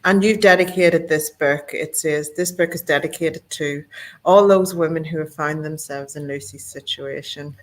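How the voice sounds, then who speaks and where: A woman's voice: low voice, moderate pace. An Irish woman hosting a video call interview, speaking with effusive, enthusiastic praise. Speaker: interview host.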